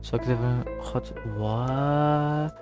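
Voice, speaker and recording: Very deep voiced lady gamer, slow slangy reactions, music going in the background. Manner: slow, reacting aloud with short slangy asides. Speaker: gaming streamer. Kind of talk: casual live gameplay commentary. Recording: game music playing behind.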